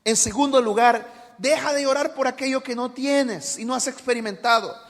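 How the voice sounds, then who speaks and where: A man's voice: very high voice, moderate pace. A male pastor preaching a dramatic, emphatic sermon in a church hall.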